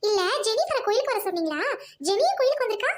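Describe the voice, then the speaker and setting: A woman's voice: very high voice, big pitch swings, rapid-fire. Woman doing teasing chatty sister-in-law. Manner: playful, teasing, talkative.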